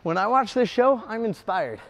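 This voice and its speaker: A man's voice: high voice, expressive, normal speed, a bit bright. A young man giving an earnest, determined audition monologue as an obstacle course competitor and coach.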